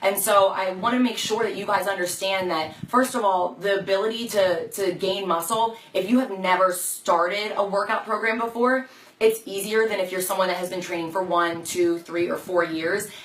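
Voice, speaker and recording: A woman with a hoarse, fading voice, chatting casually and encouragingly to viewers as a fitness coach on a live video. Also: medium pitch, fairly even intonation, moderate pace, a bit bright. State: hoarse, losing her voice. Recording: echoey room, distant mic, some noise.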